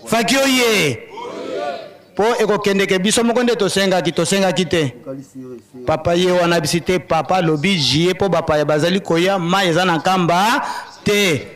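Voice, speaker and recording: A man's voice: high-pitched, moderate pace, a bit bright. A man speaking fervently to a church gathering, correcting an earlier announcement and calling out to the crowd. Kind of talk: exhorting announcement.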